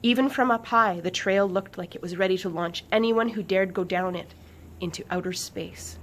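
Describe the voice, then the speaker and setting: A woman author reading her children's book aloud with expressive storytelling and dramatic pauses. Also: medium pitch, a little hiss or hum.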